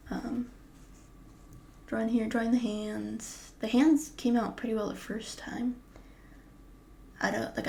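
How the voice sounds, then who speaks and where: A woman's voice: a little high, darkish tone, a little hiss or hum. Casual woman half-whispering over her art. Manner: chatty, often drops to a breathy half-whisper. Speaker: artist vlogger. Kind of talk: casual vlog commentary.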